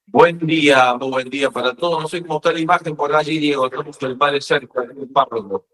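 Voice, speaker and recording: A man's voice: on the high side, fairly even intonation, brisk, fairly bright tone, low-quality recording. A man, a reporter interviewing on site and repeating phrases for emphasis.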